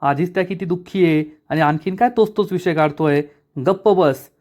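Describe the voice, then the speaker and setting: A man's voice: sits high, moderate pace, a little mellow, muffled recording, lightly acted. A man voicing a humble, eager young husband who talks in a polite, coaxing way. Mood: pleading.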